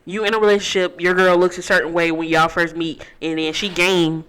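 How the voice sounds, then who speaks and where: Bright, forceful young American woman, argumentative. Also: fairly low pitch, level tone, brisk, clear, resonant tone. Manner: argumentative, slangy, profane, pressing with hypothetical questions. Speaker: podcast co-host. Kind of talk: casual group debate.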